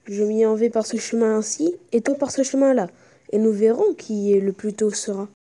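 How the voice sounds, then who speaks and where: A woman's voice: a little high, normal speed, mellow, lightly acted. A sly hungry fairy-tale wolf, read by a woman. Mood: scheming.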